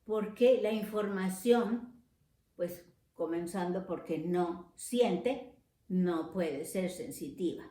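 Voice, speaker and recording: Woman teacher, unhurried and deliberate, lots of fillers, echoey room. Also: on the low side, warm tone. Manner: slow and deliberate, searching for words with many fillers; addresses viewers as friends. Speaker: language teacher. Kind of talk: unscripted spoken lesson. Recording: roomy echo.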